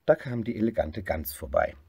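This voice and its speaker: Male picture-book reader, low, expressive, slightly husky. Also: normal speed, dry recording. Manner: lively, expressive reading, swelling louder in happy parts. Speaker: storyteller. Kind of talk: reading a picture book aloud.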